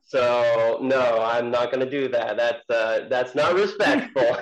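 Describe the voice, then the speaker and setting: A man's voice: mid-range voice, slow, a little hiss or hum. Modest man with muffled remote audio. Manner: hesitant, many ums and restarts, modest. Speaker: ultrarunner guest. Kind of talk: casual interview answers.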